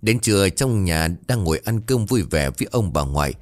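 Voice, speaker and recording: A man narrating a ghost story in a steady, sober reading style. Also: low voice, moderate pace. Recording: dry voice with faint music.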